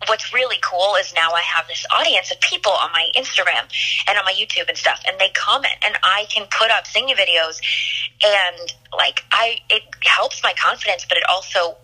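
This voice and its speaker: A young woman being interviewed about her time as a singing contestant, telling the story in an animated, chatty way with lots of fillers. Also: mid-range voice, moderate pace, husky, low-quality recording. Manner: animated, chatty, laughs often, many fillers.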